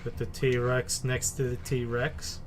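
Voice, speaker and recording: A man's voice: mid-range voice, flat delivery, takes it slowly, soft background music. A man watching a friend play a video game, chiming in with dry, teasing remarks. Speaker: co-commentator. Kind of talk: casual gameplay commentary.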